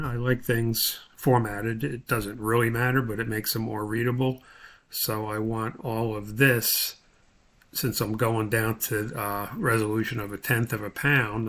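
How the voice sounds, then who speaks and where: Speaking in a lowish voice, a man improvises a step-by-step software walkthrough, his speech halting as he thinks aloud while working.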